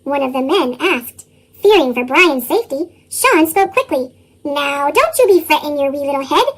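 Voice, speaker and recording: Chipmunk voice storybook reader, super high squeaky pitch, swoops around a lot. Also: animated, normal speed, background noise. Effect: sped-up, pitched-up chipmunk voice. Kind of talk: storybook read-aloud narration.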